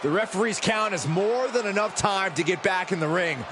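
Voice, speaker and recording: Very high-pitched male wrestling commentator. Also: moderate pace. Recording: loud arena crowd noise. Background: roaring crowd in an arena.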